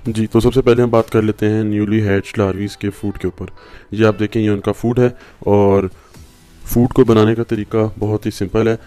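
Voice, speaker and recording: A man's voice: on the low side, warm tone. A man from Pakistan giving a patient step-by-step farming tutorial at a work table indoors. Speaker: farming instructor. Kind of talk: home how-to tutorial.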